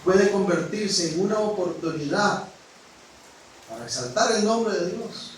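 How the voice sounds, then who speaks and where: A man with a high, ringing voice preaches a sermon to his congregation, speaking frankly and directly. He swings between loud exclamations and near whispers. The sound is very echoey and comes from a distance in a church hall, with a faint hiss underneath. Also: unhurried. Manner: preaching with rising exclamations and sudden drops to a hush. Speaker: pastor.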